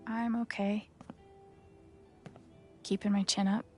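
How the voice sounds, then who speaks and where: A woman's voice: medium pitch, level tone, takes it slowly, mellow, soft background music, natural voice. A woman acting a kind, self-doubting young woman in a video game, musing hesitantly. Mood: concerned. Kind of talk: video game dialogue and inner monologue.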